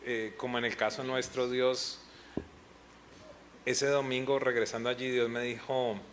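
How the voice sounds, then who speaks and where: Speaking unhurriedly in a flat, mid-range voice, a middle-aged pastor shares an earnest personal testimony at a pastors' panel, at times recounting when he wept. A little hiss or hum runs beneath the recording.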